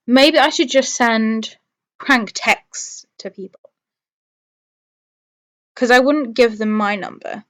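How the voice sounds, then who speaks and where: A woman with a fairly high voice chats casually as a live stream host. She rambles and thinks aloud, second-guessing herself as she talks to her viewers. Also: slow pace, pauses often, fairly bright tone. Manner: rambling, thinking aloud, changes own mind.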